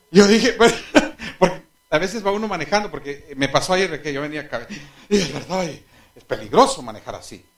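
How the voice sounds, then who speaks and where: This preacher's voice sits a little high, and he talks at normal speed but pauses often. His sermon mixes lively storytelling, laughter at his own anecdotes, and questions aimed straight at the congregation.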